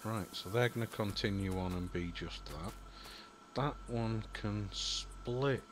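A young Yorkshireman, a gaming YouTuber, commentates casually on a building game in a lowish, slow voice over background noise. He rambles and thinks aloud, full of ums and apologies.

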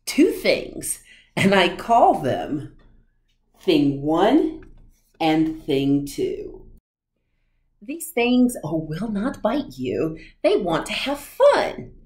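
Woman voicing a showy, animated storybook cat. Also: lowish voice, takes it slowly, roomy sound, heavily acted. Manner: showy, eager, theatrical. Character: playful, boastful male cat showman in storybook. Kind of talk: storybook read-aloud.

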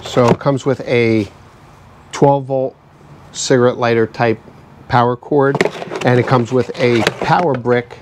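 A man in his forties giving a casual, relaxed unboxing review, thinking aloud with fillers as he goes, recorded on a screened outdoor patio by a camera mic a few feet away. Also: mid-range voice, background noise. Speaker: product reviewer.

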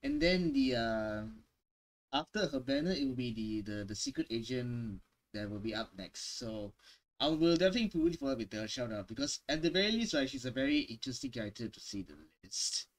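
A young adult man hosts a reaction video from a small room at home, giving casual, unscripted commentary into a headset mic as music plays behind him. His medium-pitched voice is expressive and brisk, and his phrasing is hesitant and repetitive.

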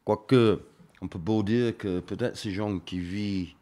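English man, deep low voice, French with English accent, hesitant interview guest. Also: steady tone, mellow. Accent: English, speaking French. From England. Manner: halting, many fillers and restarts. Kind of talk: radio interview.

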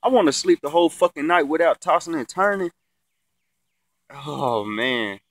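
A man's voice: fairly high pitch, lively intonation, moderate pace, no room sound. A young man with a congested, sniffly, stuffy-nosed voice, chatting casually and swearing freely in a slangy, laid-back vlog. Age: young adult. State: sick with the sniffles. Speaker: vlogger. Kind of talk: casual rambling vlog chat. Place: outdoors in a yard, reclining in a chair. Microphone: phone at arm's length.

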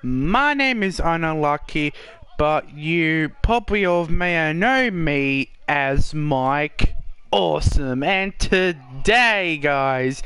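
A man streaming a game live, chatting to viewers in a rambling, drawn-out way. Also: a little high, lively intonation, pushed and bright, smooth, no room sound. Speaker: gaming streamer. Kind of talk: casual gameplay commentary.

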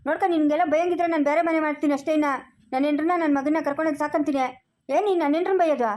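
Rapid high-voiced arguing woman. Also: steady tone, darkish tone. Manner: insistent, argumentative. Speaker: son defending his wife. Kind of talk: amateur family drama acting.

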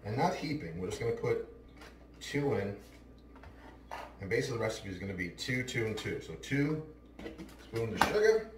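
Deep-voiced man chatting while cooking. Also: very animated, normal speed, long pauses, far from the mic, background noise. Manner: chatty, offhand, talks while working. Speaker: home cooking show host. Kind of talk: casual cooking demonstration. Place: large home kitchen, indoors. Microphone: camera mic at a distance, then close to camera. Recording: roomy kitchen sound, heard from afar.

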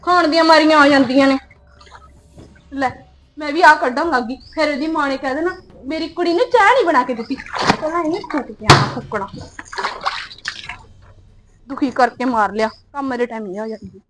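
A woman's voice: sits high, lively intonation, a little fast, noisy background. An actress with a Punjabi accent playing a taunting, scolding woman, married into the family, who grumbles to herself. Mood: muttering. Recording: echoey room.

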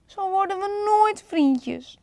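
A woman voicing a lonely, eager young male panda in a picture-book reading, with high, bouncy exclamations. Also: lively intonation, slow pace, vocal fry, a little mellow, no echo, full character voice. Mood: wistful.

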